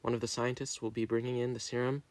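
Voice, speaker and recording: A man voicing a formal, persuasive male government agent in a story reading, measured and official. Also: mid-range voice, level tone, a little mellow, no room sound, lightly acted. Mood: grave, persuasive.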